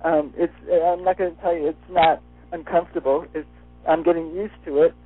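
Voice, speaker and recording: A man's voice: on the high side, fairly even intonation, brisk, husky, no room sound. A man wearing a retainer as he talks, giving a personal testimonial as an interview guest over the phone. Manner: talking with a dental appliance in the mouth, like wearing a retainer. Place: phone call. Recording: muffled phone line, faint music behind.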